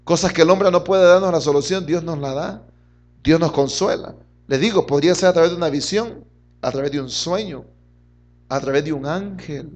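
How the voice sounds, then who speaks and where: High-pitched pastor guy preaching hard, gets loud then drops way soft, keeps calling folks brother. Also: moderate pace. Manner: fervent, swings between loud and soft, often says "hermano". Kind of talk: sermon.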